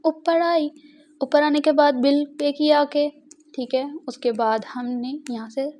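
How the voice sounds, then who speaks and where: A woman's voice: high-pitched, fairly even intonation, unhurried, darkish tone. A young woman, rambling and giggling as she tells a casual vlog story. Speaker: vlogger. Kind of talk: casual chatty vlog narration.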